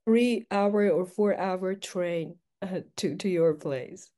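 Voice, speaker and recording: Speaking from indoors in her home, a young native Persian speaker from Iran joins a relaxed video-call conversation as a participant. Her voice sits on the low side and is mellow and unhurried, and she comes across as reflective and hesitant, leaning on many fillers.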